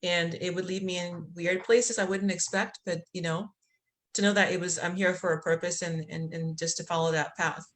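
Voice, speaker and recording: Woman, from Liberia, podcast guest, fairly low voice, reflective, spiritual storytelling, fillers. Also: steady tone, moderate pace, a bit bright. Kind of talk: conversational interview.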